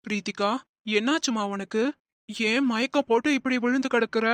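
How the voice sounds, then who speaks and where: Woman doing a kind middle-aged cartoon man, concerned, gently scolding, dry close recording. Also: fairly high pitch, normal speed, no echo, close to an everyday voice. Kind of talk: cartoon voice acting.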